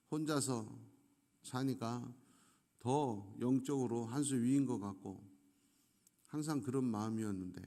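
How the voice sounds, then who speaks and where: A middle-aged male pastor giving an earnest sermon, slowing down for emphasis between phrases. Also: medium pitch, dark tone. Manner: earnest preaching with slow, emphatic pauses. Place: church sanctuary. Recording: echoey church hall.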